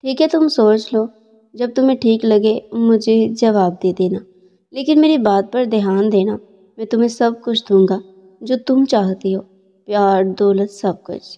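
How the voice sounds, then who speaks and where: A gruff, accusing middle-aged husband, stern and suspicious, as a woman narrator puts him on. The voice sits fairly high and soft-toned, and the muffled lo-fi recording carries a long reverb tail. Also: close to an everyday voice. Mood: coaxing.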